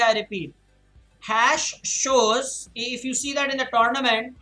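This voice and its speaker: A male chess coach's very high, sharp voice comes through a low-quality recording as he streams a lesson live. He explains moves, corrects students by name, drills points in by repetition, and answers chat messages he reads aloud.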